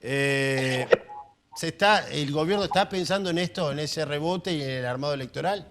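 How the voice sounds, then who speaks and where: A man's voice: fairly high pitch, moderate pace, a bit bright. A man, hosting a panel and hesitantly framing a question while thinking aloud. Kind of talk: broadcast panel discussion.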